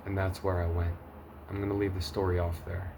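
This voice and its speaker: A low-pitched man tells his personal testimony straight to the camera. He is earnest and emotional, pressing forward urgently in some moments and dropping to a hushed near-whisper in others. A faint hiss sits behind his voice. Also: little pitch movement, fairly quick, creaky. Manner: earnest and emotional, swinging between urgent loud bursts and hushed quiet. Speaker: testimony vlogger.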